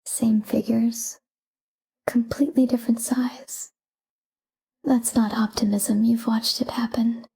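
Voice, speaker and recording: In a soft guided sleep meditation, a woman whispers a talk-down in a very dark, mellow voice that's fairly high, husky and touched with vocal fry. Her breathy delivery is calm and even, with short, unhurried phrases and pauses between them.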